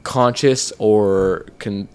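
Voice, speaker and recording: A man co-hosting a casual podcast, speaking earnestly in halting phrases with many restarts. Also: lowish voice, darkish tone, clear, resonant tone. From United States. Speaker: podcast co-host.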